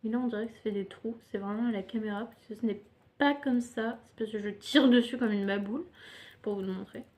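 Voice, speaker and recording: A young woman with a slightly high, brisk, somewhat mellow voice shows off her knitting projects on camera in a casual way. She's a knitting podcaster who sounds hesitant and uses lots of fillers, chatting away and poking fun at herself.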